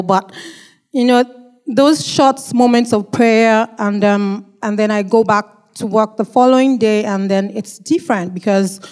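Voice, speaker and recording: A woman with a non-local accent speaking careful, deliberate English as she gives a personal testimony to her congregation. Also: on the high side, a little mellow. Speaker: church member giving a testimony.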